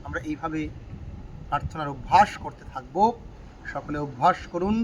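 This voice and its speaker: A man teaching a chant, singing lines slowly and breaking words into syllables with repetition, then explaining pronunciation in quick, soft asides. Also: on the high side, slight background noise. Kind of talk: recitation lesson, chanting and explaining.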